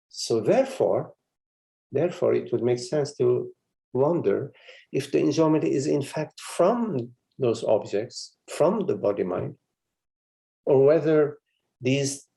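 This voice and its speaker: A man's voice: medium pitch, creaky, mellow. A man, a spiritual teacher, giving a meditative live satsang talk in a meandering, conversational way with frequent chuckles and asides.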